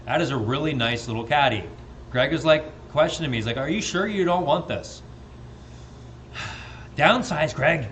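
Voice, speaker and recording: A man's voice: fairly high pitch, animated, normal speed, long pauses, fairly bright tone, slight background noise. A man working as an auctioneer, calling bids on a live stream in a repeated rhythmic chant with chatty asides.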